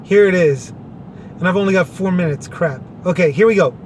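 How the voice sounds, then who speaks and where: A man's voice: high-pitched, fairly quick, a little hiss or hum. A man reading out a government order and explaining it in plain words, with a sarcastic edge. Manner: sarcastic, paraphrases in plain terms. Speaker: commentary vlogger.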